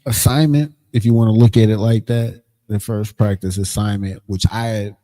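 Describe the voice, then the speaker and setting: A man teaching a livestreamed language class, explaining in a casual, halting way with frequent pauses and ums. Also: lowish voice, steady tone, mellow. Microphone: streaming setup, screen sharing.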